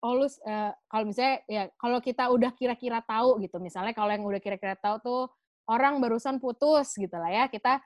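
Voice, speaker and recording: A woman's voice: on the high side, fast talker, no room sound. A woman patiently explaining things in a casual chat, slipping in English phrases. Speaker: guest explaining emotions.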